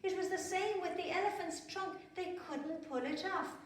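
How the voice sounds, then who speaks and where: An Irish woman with a very high-pitched voice tells a story to small children at a moderate pace, using simple, repetitive phrases. She chats and asks them questions as she goes, adding asides while drawing. The recording has a little hiss or hum and was made in a very echoey room with a distant microphone.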